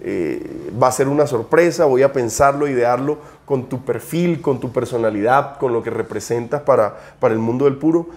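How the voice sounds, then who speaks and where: A man's voice: mid-range voice, expressive, moderate pace, hardly any pauses, a little mellow. A Colombian man, a cigar producer, talking as an interview guest with a hesitant delivery and many repeated words. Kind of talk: conversational interview.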